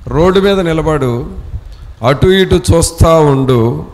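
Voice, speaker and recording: A thieving father gives his boy quiet, bossy orders, as a preacher acts him out in a sermon. The voice sits fairly high and rings out with a long hall echo. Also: takes it slowly. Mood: instructing. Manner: hushed, giving orders. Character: thieving father instructing his young son. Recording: long reverb in a church hall.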